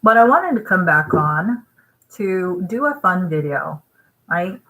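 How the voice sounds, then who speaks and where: Low-voiced woman vlogger from Vietnam. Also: big pitch swings, takes it slowly, fairly bright tone, poor audio. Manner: rambling, emphatic, with frequent "right?" asides; eating while talking. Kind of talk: casual talking-head vlog.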